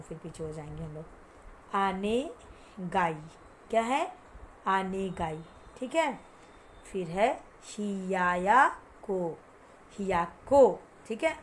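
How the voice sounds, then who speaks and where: A woman with a medium-pitched voice teaches Hindi vocabulary to children, mixing in English, asking questions and answering them herself. She carefully stretches out the pronunciation of hard words so the pupils can repeat them, and a little hiss or hum sits beneath the recording.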